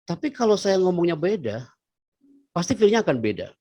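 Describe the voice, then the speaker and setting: A man giving a lively online public speaking seminar over a video call, playful and swinging between loud and hushed delivery. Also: sits high, fairly quick, no room sound.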